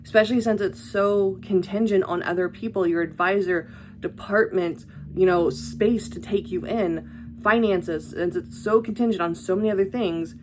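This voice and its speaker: A woman's voice: mid-range voice, steady tone, normal speed, noisy background. A young adult woman talking casually to camera in a vlog, chatty and reflective, with many fillers. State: hiccups. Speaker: vlogger.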